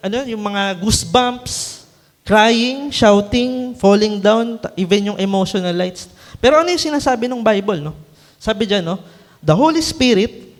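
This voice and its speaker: A man's voice: sits high, long reverb tail. A man from the Philippines, a preacher giving a conversational sermon, often checking in with his listeners through short tag questions. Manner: conversational, frequent tag questions and light laughs.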